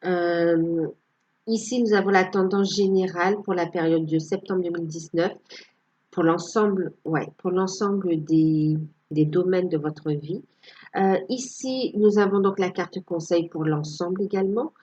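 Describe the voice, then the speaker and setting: A woman's voice: fairly low pitch, a little slow, warm tone, muffled recording. A woman giving a casual tarot reading to her viewers, hesitant and full of fillers. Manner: hesitant, many fillers, tags with "hein". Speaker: tarot card reader.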